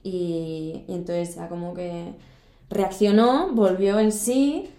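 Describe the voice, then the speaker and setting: Young woman w/ telling her story, low-ish mellow voice, roomy echo. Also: slow. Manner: earnest, emphatic, repeats words for stress. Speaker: guest recounting backpacking travels. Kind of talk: casual storytelling chat.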